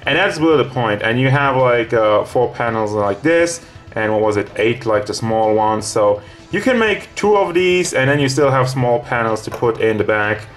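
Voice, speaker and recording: A man's voice: medium pitch, expressive, moderate pace. A man reviewing a toy figure in a casual, rambling way, hot and out of breath, with faint music behind him. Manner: rambling, casual, self-correcting.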